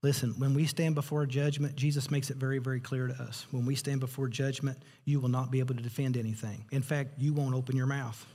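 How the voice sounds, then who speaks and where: A man's voice: mid-range voice, flat delivery, fast talker, hardly any pauses, mellow, slightly rough, big-room sound. A man preaching a sermon as pastor, mixing joking asides with emphatic, rising preaching. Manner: joking asides, laughs at his own jokes.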